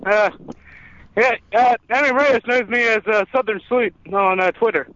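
A man's voice: sits high, normal speed, fairly bright tone. An eighteen-year-old man from Maryland calling in to a radio show, shy and hesitant. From Maryland, United States. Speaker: caller. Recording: dull phone line, faint hiss.

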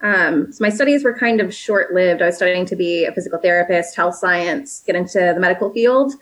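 A woman's voice: lowish voice, brisk, a bit bright, low-quality recording. A woman in her late twenties, originally from South Africa, chatting casually and upbeat as an interview guest, with lots of fillers and easy laughs.

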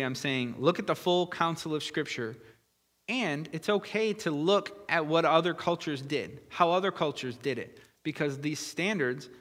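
Bright-voiced preacher in a reverberant hall. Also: male voice, a little high. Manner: earnest, explanatory, with frequent fillers and restarts. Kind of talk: conversational sermon.

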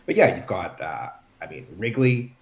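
A man's voice: low voice, big pitch swings, moderate pace. A man in his forties, a guest on a podcast, explaining things in an easygoing, rambling way. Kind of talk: casual chat. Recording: roomy echo.

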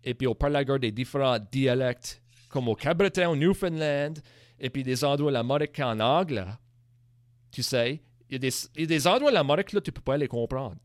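Halting Acadian man, dry sound. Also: medium pitch, dry recording. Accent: Acadian French. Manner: hesitant, halting, with many restarts. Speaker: podcast host. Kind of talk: casual chat.

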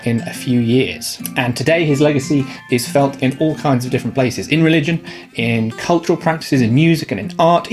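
A man's voice: medium pitch, darkish tone. A man hosting a podcast discussion, chatty and full of fillers and restarts. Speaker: podcast host.

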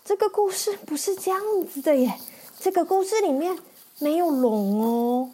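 Woman playing a polite young storybook boy, high voice. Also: lively intonation, normal speed. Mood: apologetic. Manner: apologetic, gentle refusal.

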